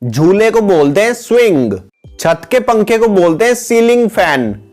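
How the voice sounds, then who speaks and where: Unhurried and patient, a high-voiced male English teacher works through a picture vocabulary lesson, naming each item in a steady, repetitive rhythm. Now and then he addresses viewers as "guys," his close-miked voice-over set over faint background music.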